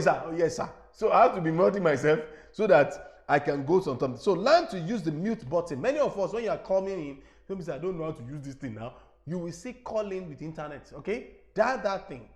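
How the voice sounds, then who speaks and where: A man with a Nigerian accent giving an instructional webinar as an evangelist, animated and repetitive, often checking whether his listeners follow. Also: sits high. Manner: animated, repetitive teaching with rhetorical questions.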